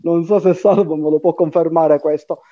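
A middle-aged man with a Sicilian accent chats as a guest on a live call. His voice sits high and is soft-edged and mellow. The sound is dull, coming through earphones on a video call. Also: steady tone, moderate pace. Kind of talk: conversational discussion. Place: living room at home. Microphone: wired earphone mic on video call.

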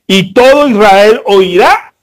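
A man, preaching a sermon as pastor, full of rhetorical questions and mocking asides, with sudden shifts between fast and slow delivery. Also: sits high. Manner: mocking, acts out the people in his stories.

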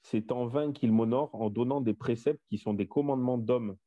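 A man's voice: medium pitch, normal speed, mellow, dry recording, muffled recording. A man leading a casual Bible study discussion over an online voice chat, talkative and repeating himself with many fillers.

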